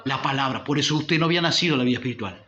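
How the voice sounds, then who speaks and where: Emphatic preaching pastor, bright voice. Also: male voice, mid-range voice, very fast, roomy sound, lo-fi sound, slight background noise. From Uruguay. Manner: emphatic preaching with rhetorical questions. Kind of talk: sermon.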